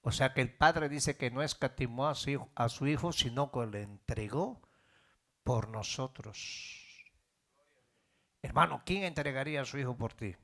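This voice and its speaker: A man's voice: mid-range voice, normal speed, a bit bright. A middle-aged man preaching a sermon as pastor, building in fervor and calling out questions to his congregation.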